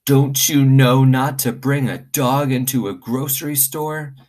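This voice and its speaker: Guy doing a flustered angry supermarket boss from a kids book, pitched way up, exclaiming. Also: fairly even intonation, unhurried, close to an everyday voice. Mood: stern scolding. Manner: shouting, exclamatory. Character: irate, flustered male grocery store manager.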